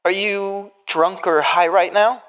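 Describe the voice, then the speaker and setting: A man's voice: high-pitched, fairly even intonation, slow, fairly bright tone, clear, resonant tone, dull audio. A man reading the part of a formal prison interviewer in a murder mystery game, sticking to scripted questions. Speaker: podcast host.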